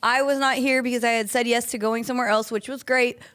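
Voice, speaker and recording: A woman in her thirties co-hosting a casual podcast, her voice a little higher than most. She teases her co-host and laughs often, and her talk is quick to turn playful. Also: fairly even intonation, fairly bright tone. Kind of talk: casual chat.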